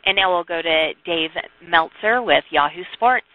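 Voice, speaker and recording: A man moderating a conference call, briskly announcing the next caller over a speakerphone. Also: on the high side, no echo. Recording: tinny phone line, far off.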